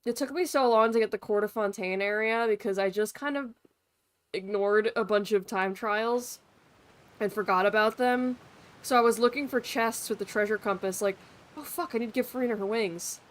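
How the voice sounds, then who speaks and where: Speaking at a normal pace in a fairly high voice, a woman live streamer tosses off casual, profanity-laced remarks while playing. Soft game music runs underneath.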